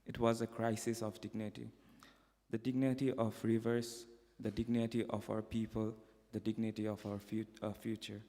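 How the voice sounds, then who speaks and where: A young man from Bangladesh giving a prepared personal testimony at a conference, in a measured, earnest delivery with occasional restarts. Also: on the low side, level tone, warm tone. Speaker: conference speaker. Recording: echoey hall reverb.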